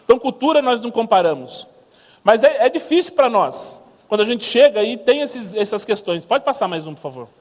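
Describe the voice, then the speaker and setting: With a long reverb tail trailing his words, a man with a Brazilian Portuguese accent delivers a humorous missionary testimony at church, a little fast and very high-pitched. His storytelling is lively, full of sound effects he makes himself.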